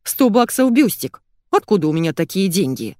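A woman's voice: on the low side, big pitch swings, normal speed, a little mellow, no echo, studio quality. A woman reading an audiobook, voicing a plump, self-pitying married woman who whines and complains. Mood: whining. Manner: whining, plaintive.

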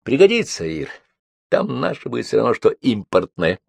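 Male reader brash teasing girl, brisk, husky. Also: mid-range voice, very animated, no echo, clean studio sound, voice pushed up, full character voice.

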